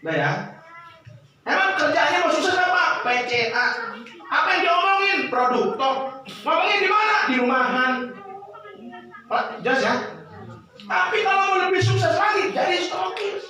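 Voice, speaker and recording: A man preaching and motivating a live audience, often shouting and acting out hushed prayers. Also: very high voice, lively intonation, normal speed, long pauses, slight background noise. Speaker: preacher and business motivational speaker. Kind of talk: rousing seminar talk to a live audience. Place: large meeting hall with an audience. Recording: echoey hall, voice from far off.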